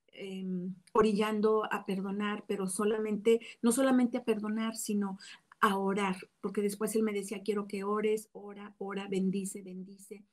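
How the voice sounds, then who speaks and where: Flat-voiced woman giving testimony. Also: medium pitch. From Mexico. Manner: reflective, earnest, with small restarts. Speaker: testimony speaker. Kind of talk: personal religious testimony.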